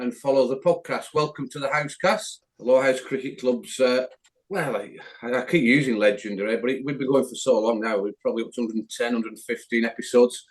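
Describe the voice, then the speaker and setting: A man's voice: medium pitch, poor audio. A man with a Northern English accent hosting a club podcast, chatty and rambling. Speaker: podcast host. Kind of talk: casual chat.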